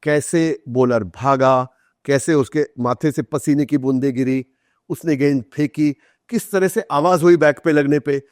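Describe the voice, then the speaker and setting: Speaking at a measured pace, this middle-aged Indian author is a podcast interview guest who explains ideas and shares stories conversationally, dropping in English phrases now and then. His pitch sits a little high and his tone is on the dark side. The sound is dry and studio-grade.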